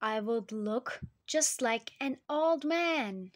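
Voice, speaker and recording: A woman's voice: fairly high pitch, animated, slow. A woman doing a wide-eyed little boy. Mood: amazed. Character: curious excitable young boy. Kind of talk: storybook read-aloud.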